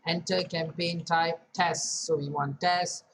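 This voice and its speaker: A woman teaches online advertising in a relaxed screen-share tutorial. She talks quickly, doubles her words and keeps saying "guys." Her voice sits a little low, and a faint hum of ambience runs under it. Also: rough recording. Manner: fast-talking, repeats words, often says "guys". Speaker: online marketing instructor.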